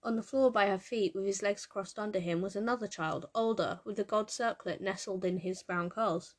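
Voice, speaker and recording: A woman reading a story aloud with measured, expressive delivery. Her voice sits at an ordinary middle pitch for a woman. She carries the narration steadily from line to line. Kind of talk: fan fiction reading.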